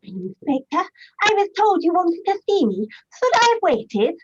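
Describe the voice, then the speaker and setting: A scatterbrained, giggly posh young secretary, played by a young actress, her very high voice bouncing up and down in breathless dithers. The sound is dull and muffled, like a stage recording. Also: sing-song, measured pace, heavily acted. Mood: polite. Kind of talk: stage murder-mystery acting.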